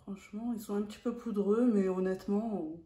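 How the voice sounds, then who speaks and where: A woman explaining a makeup look step by step, in a calm tutorial manner. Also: medium pitch, fairly quick, reverberant. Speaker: beauty vlogger.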